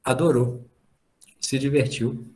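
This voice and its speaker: A middle-aged man, a lecturer at a spiritist study group, gives an informal spiritual talk over a video call. His medium, darkish voice is steady and slow as he tells family stories and acts out their dialogue.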